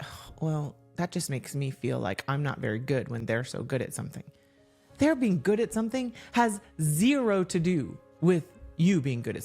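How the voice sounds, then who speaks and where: A woman hosting a podcast, giving an earnest motivational monologue with repeated exhortations, slowing and dropping low on key points. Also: darkish tone. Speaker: podcast host.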